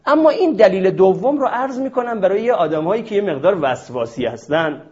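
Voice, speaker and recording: A man's voice: high-pitched, expressive, a little mellow. A man teaching a class at a board, explaining a rule step by step and posing questions to his students. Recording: dull lo-fi recording.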